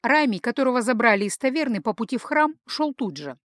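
A woman narrating a fantasy audiobook in a calm, even storytelling manner. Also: fairly high pitch, fast talker, no echo. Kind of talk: scripted narration.

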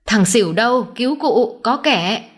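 A woman's voice: a little high, moderate pace, a bit bright, voice pushed up, lightly acted. A woman voicing a dying, gasping old man. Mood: weak, urgent. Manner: broken, faint fragments.

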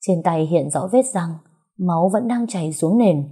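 A young woman tells a story with steady, expressive narration. Her voice sits low and dark, with a husky edge. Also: moderate pace.

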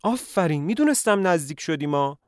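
A fussy middle-aged doctor blurts out his lines high and loud, as a male narrator puts him on. He sounds eager and easily stirred. The recording is dry and close. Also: animated, dry recording, close to an everyday voice. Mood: excited.

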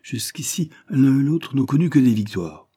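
A man voicing a husky, boastful French captain. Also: medium pitch, sing-song, mellow, no echo, pitched above the performer's own voice. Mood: proud. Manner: quick, proud retorts. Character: boastful witty male French army captain.

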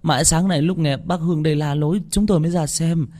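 A man's voice: fairly high pitch, steady tone, mellow, pitched above the performer's own voice, close to an everyday voice. A man voicing a frightened villager who talks in a rush. The voice sits a bit above his own and presses forward with urgency. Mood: urgent. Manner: urgent, hurried.

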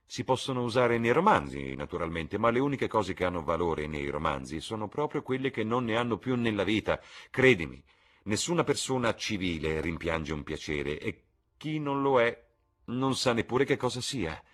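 A man voicing a witty, cynical aristocratic gentleman in an audiobook reading, with a husky voice and a drawling, ironic delivery. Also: lowish voice, big pitch swings, moderate pace, pitched above the performer's own voice.

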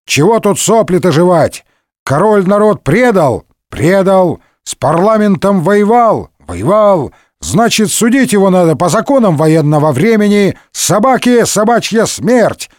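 A man's voice: high-pitched, sing-song, a little slow, a little mellow, no echo, studio quality, pitched above the performer's own voice. A man voicing a blunt, crude merchant deputy making a coarse speech.

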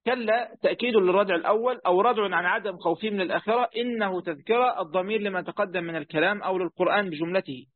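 A man's voice: sits high, very fast, hardly any pauses, no room sound, narrow, tinny audio. A man with an Egyptian accent teaching a lesson on a religious text, chatty and full of questions to his students. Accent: Egyptian Arabic. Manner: conversational, asks students questions, many fillers. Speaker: teacher of Quran commentary. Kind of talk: classroom lesson explaining a text.

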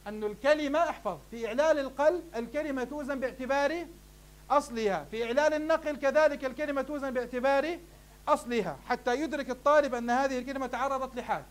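A man's voice: extremely high pitch, quick pace. A man, teaching morphology in a classroom lecture, asking questions and answering them himself. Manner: addresses the class warmly as "beloved ones". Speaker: sheikh teaching Arabic morphology.

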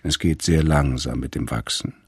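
A man reading a radio story aloud in a calm, measured storytelling manner. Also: extremely low pitch, slightly rough, no echo, clean studio sound. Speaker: narrator.

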